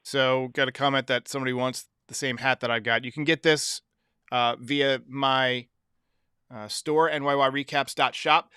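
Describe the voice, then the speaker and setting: Bright, crisp-voiced man hosting sports talk. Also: mid-range voice, steady tone, moderate pace. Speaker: sports show host answering fan voicemails. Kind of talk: casual opinion commentary.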